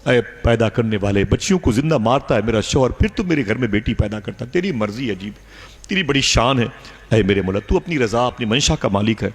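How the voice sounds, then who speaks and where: A man's voice: medium pitch, lively intonation, natural voice. A man voicing a grieving young mother who pleads tearfully in a sermon story. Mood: praying.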